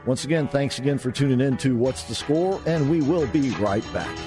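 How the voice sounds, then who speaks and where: A man hosting a radio talk show, interviewing guests in a halting, restarting way. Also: mid-range voice, over music.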